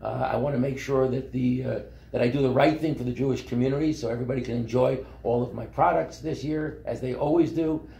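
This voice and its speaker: A man, telling his life story in a relaxed, rambling way with many fillers and restarts. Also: mid-range voice, fast talker, creaky, hardly any pauses, reverberant. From Brooklyn, New York. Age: 70s. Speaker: company founder. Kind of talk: interview storytelling. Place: office meeting room.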